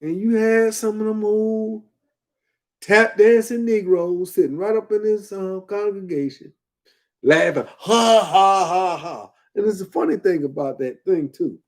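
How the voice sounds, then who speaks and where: A man's voice: sits high, steady tone, measured pace, darkish tone. A man giving casual spoken commentary, emphatic and colloquial, repeating points for effect. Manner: colloquial, drops verbs and uses double negatives.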